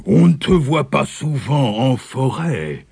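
Gravelly, purring sly tiger. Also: male voice, mid-range voice, very animated, a little mellow, no echo, clean studio sound, exaggerated voice. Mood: mocking. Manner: purring, drawn-out, scheming. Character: sly, greedy, flattering male tiger. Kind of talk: storybook character voice.

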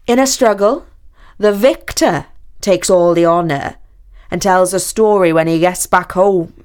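A woman voicing a famed veteran male knight, giving blunt, forceful advice. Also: lowish voice, measured pace, smooth, close to an everyday voice. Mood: commanding. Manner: forceful, instructive.

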